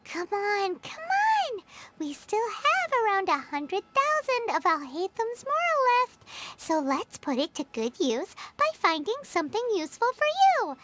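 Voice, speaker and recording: A woman voicing a tiny, excitable fairy companion who talks about herself in the third person, in a video game. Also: very high-pitched, unhurried, slight background noise, exaggerated voice. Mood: eager.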